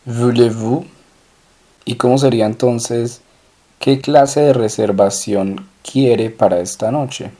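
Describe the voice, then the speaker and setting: A man teaching French in a recorded lesson, slowly drilling and repeating each phrase. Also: mid-range voice, warm tone. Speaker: language teacher.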